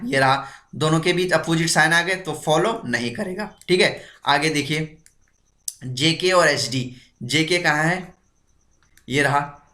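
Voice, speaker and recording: Male exam-coaching teacher, bright and slightly high voice, repetitive question-and-answer delivery. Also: echoey room. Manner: asks rhetorical questions and answers them himself; repeats key points often. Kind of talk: exam-prep lesson.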